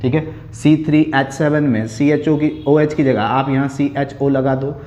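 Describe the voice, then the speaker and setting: A man's voice: medium pitch, fairly even intonation, a little mellow. A male chemistry teacher giving a classroom lecture, explaining step by step and asking questions he then answers himself. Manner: slows down to dictate key lines. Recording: echoey room.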